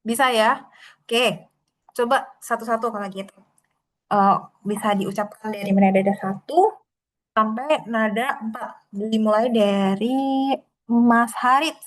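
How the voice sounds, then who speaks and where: A woman with a slightly high voice teaches a Mandarin class over a video call. She explains patiently, slows down to model each tone, and stretches the syllables out for her students. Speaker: Mandarin tutor.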